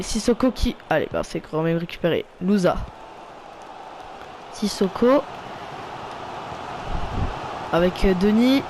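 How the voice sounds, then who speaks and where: A gaming YouTuber with a French accent gives casual play-by-play of his football video game, calling out player names and getting loud whenever a goal comes. His voice sits high, with slight background noise.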